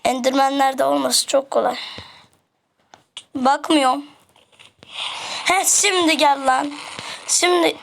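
A woman with a high, bright voice commentating her own gameplay. She talks in a rowdy, excitable way, yelling at the monsters in slang and calling out to her viewers. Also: slow, vocal fry, pauses often, a little hiss or hum. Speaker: gaming channel host.

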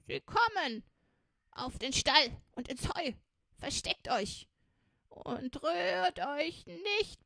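A woman voicing a greedy, bossy old woman in a children's storybook, scolding in a shrill voice. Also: vocal fry, a bit bright, no echo, clean studio sound, full character voice. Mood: urgent.

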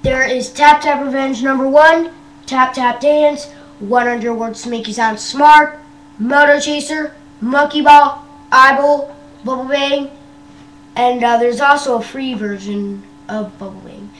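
A woman's voice: sits high, steady tone, measured pace, a bit bright. A young woman from Canada giving a casual vlog tour of her device, hesitant and full of ums and wells. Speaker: vlogger. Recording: roomy echo with faint hum.

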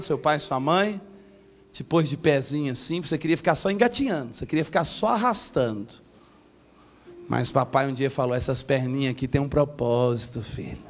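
A male pastor preaching a sermon in church, telling a story with animated shifts of voice. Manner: animated storytelling, acting out voices with big pitch swings.

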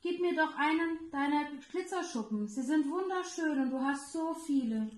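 Woman playing a little timid blue fish boy, high pleading voice, storybook, echoey room. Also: lively intonation, moderate pace, a little mellow. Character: small timid young male blue fish. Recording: roomy echo.

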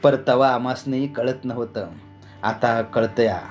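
A man voicing a calm, defiant laborer. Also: medium pitch, slow, soft background music, close to an everyday voice. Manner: calm, plain-spoken rustic speech.

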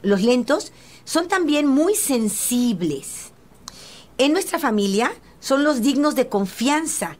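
A woman's voice: high-pitched, expressive, slow pace. Middle-aged woman, Mexican accent, radio host, motherly counsel, talks straight to mothers. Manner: warm motherly counsel, addressing mothers directly. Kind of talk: advice talk on radio.

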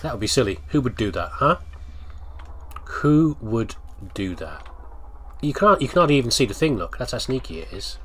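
This let's play host is a British man whose medium-pitched, sing-song voice has a fairly bright tone at a normal speed. His commentary is casual and playful: he chats with the character, quizzes himself and reads the on-screen text out loud. Slight background noise is present.

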